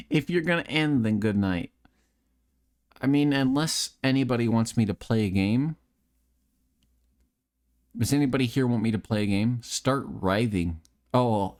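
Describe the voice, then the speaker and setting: His voice is fairly low and a bit mellow. He's streaming late at night, talking openly with plenty of swearing, self-mocking humor, repeated words and restarted sentences.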